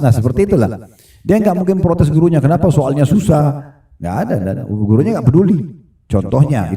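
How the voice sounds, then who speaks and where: A man's voice: medium pitch, dark tone. A man giving a conversational Islamic lecture to a gathered audience, often checking that listeners agree. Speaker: Islamic preacher. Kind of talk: religious lecture. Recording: echoey room, voice from far off.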